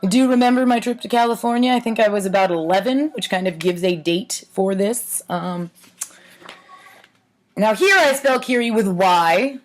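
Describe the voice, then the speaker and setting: A woman with a medium-pitched voice, speaking at a normal speed, reads her childhood writing aloud to viewers as host. She's theatrical in the reading itself, while her commentary between passages is wry, casual and offhand.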